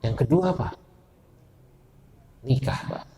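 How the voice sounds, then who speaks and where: A man gives a sermon at a medium pitch, quipping and quizzing his listeners. His voice carries around an echoey mosque hall. The tone stays lively and conversational. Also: takes it slowly, a little hiss or hum. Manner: lively, joking, asks the audience questions. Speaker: preacher.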